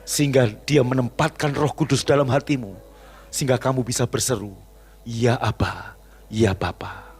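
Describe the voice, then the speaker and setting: A male pastor with an Indonesian accent preaching a sermon, swinging between quiet asides and shouted climaxes, mixing casual slang with formal address. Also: medium pitch, moderate pace, breathy edge. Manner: animated preaching, shouts climaxes, acts out quoted dialogue.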